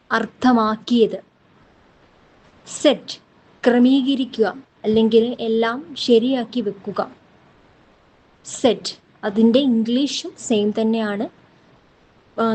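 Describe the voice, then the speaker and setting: A woman teaching a language lesson, reading word pairs slowly and deliberately one at a time for listeners to repeat. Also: fairly high pitch, darkish tone, rough recording. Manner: slow, deliberate, drills words one at a time. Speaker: English teacher. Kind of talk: slow drill lesson.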